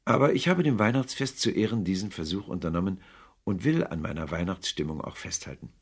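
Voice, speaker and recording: A man voicing an earnest, warm-hearted young man who pleads with his uncle in a storybook reading. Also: sits low, expressive, a little fast, breathy edge, full character voice.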